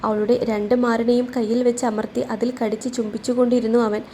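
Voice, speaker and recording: A woman's voice: a little high, level tone, fast talker, mellow, slight background noise. A woman storyteller narrating a romance story, reading every character in her own voice.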